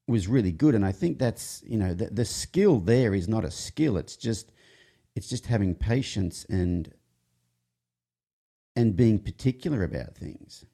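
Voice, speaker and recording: On the low side, mellow and a bit breathy, a man who trains horses and hosts a show spins casual, conversational stories. His horse-training anecdotes are rambling and jokey, and he keeps cutting himself off to restart sentences.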